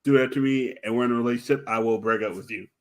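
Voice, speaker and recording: A man's voice: medium pitch, fairly even intonation, rapid-fire. A man hosting a podcast in casual chat, rambling and repeating himself and swearing freely. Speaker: podcast host.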